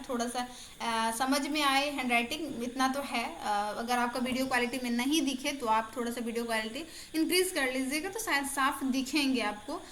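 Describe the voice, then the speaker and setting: A woman's voice: sits high, fairly bright tone, echoey room, a little hiss or hum. A woman exam-prep tutor in a casual online lesson, chatty and encouraging, repeating answers aloud.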